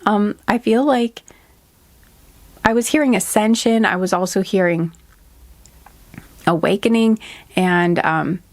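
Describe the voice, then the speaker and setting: A woman's voice: medium pitch, slow, pauses often. A woman with a stuffy, congested nose gives a casual spiritual reading, rambling off on tangents with many hesitations and self-corrections. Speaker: intuitive card reader.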